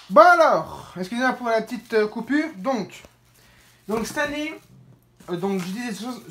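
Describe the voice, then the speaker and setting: A woman's voice: medium pitch, slight background noise. A woman hosting her own channel, giving casual unboxing commentary to viewers, hesitant, with many fillers and self-corrections. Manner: informal, talks straight to viewers. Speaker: fireworks channel host.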